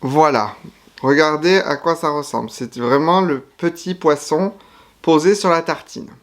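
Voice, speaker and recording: A YouTuber sampling foreign food talks to camera in a slightly high voice at a somewhat slow pace, chatty and frank, occasionally speaking while chewing. A little hiss or hum is audible.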